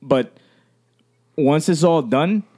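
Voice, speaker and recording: An American man in a casual podcast debate, talking haltingly, repeating words, swearing and checking that he is understood. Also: on the high side, darkish tone. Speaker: podcast co-host.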